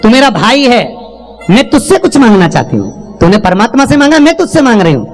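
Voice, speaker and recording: A man's voice: very high-pitched, wildly swooping pitch, brisk, soft background music, voice pushed up, full character voice. A man voicing a king's pleading sister. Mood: coaxing. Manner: earnest, coaxing. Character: pleading devoted sister of a king. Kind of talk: sermon storytelling.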